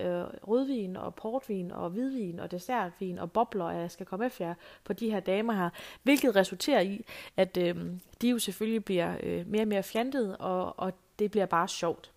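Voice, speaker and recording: Chatty woman telling a story. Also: medium pitch. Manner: chatty anecdotal storyteller, many fillers. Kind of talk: casual storytelling monologue.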